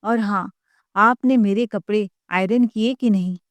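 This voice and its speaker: Spoiled younger brother, demanding, indignant, middle pitch, dry close sound, voiced by a woman. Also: measured pace, no room sound, lightly acted.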